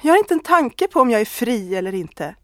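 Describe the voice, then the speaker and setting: A woman's voice: fairly high pitch, sing-song, no echo. A woman voicing a married woman who confesses a love affair, earnest and pleading, close to tears. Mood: torn.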